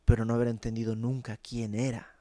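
A man's voice: mid-range voice, level tone, a little fast, mellow, no room sound. A man preaching a sermon in a conversational, explanatory teaching manner.

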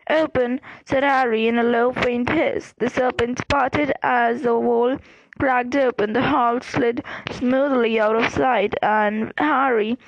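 High-voiced woman reading slowly. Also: steady tone, creaky, no room sound, rough recording. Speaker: audiobook reader. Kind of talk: fiction read aloud.

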